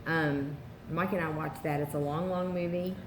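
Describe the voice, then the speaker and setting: Woman co-host, casual vlog chat, lowish voice, enthusiastic with frequent fillers; roomy echo. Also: fairly even intonation. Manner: chatty, many "um" pauses, enthusiastic. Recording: roomy echo with faint background noise.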